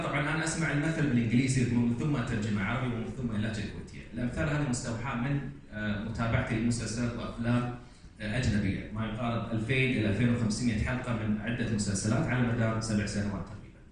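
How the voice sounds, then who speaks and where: A man with a Kuwaiti Arabic accent talks very fast in a medium-pitched voice while presenting at an academic conference, explaining and reeling off one example after another. He was recorded from a distance in a large, echoey hall with faint room noise.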